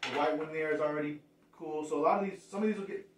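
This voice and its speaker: Man, 30s, casual show-and-tell, slightly high voice, recorded far off in a roomy space. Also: quick pace, background noise. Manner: rambling, restarts phrases, points out details. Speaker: thrift reseller showing a haul. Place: living room, indoors. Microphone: far camera. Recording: echoey room, far from mic.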